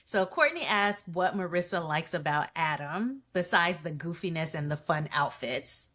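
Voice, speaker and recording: Woman cohost gabbing about tv, lively, jumps into quick little voices. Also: lowish voice. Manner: animated, quotes people in quick put-on voices. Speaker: podcast co-host. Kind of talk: casual chat recapping a reality show.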